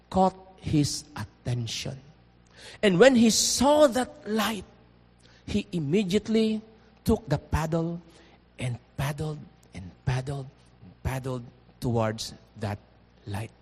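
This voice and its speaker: A man with a Filipino accent preaching a sermon, telling a story dramatically and swinging from loud to hushed. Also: a little high, big-room sound.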